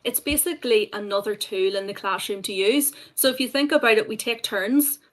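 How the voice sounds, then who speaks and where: A woman's voice: a little high, a little fast. A woman speaking as a guest at an education webinar, chatty and enthusiastic. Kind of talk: casual webinar discussion.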